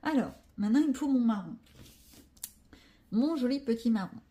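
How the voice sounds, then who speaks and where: Woman, French accent, mellow dark voice, chatty, self-mocking, casual tutorial. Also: on the high side, expressive, moderate pace. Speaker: coloring vlogger.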